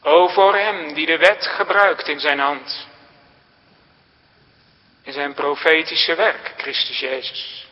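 A male pastor preaches in a slow, deliberate cadence, his fairly high voice lifting on emphatic phrases. The sound is a dull, lo-fi church recording with a long reverb trailing after each line. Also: steady tone. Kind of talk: sermon.

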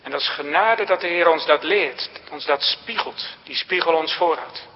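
A man preaching a sermon in a church, in a slow, solemn style with emphatic rising phrases. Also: on the high side. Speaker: pastor. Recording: lo-fi church recording with long reverb.

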